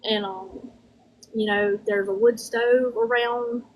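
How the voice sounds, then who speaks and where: A woman with a Southern US drawl giving a conversational spirit reading in a folksy, halting way, often circling back over her words. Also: fairly high pitch, fairly even intonation, a little hiss or hum, poor audio.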